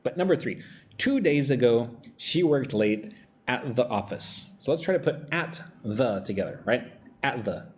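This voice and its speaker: A man's voice: mid-range voice, lively intonation, a little slow, slight background noise. A man teaching English pronunciation on a live stream, talking with energy and reading out viewers' chat messages.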